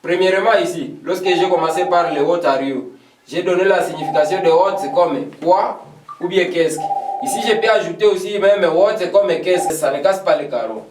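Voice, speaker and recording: A man teaching a beginner language lesson, slowly repeating each example phrase. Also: high-pitched, background noise. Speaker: English teacher. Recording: echoey room, voice from a distance.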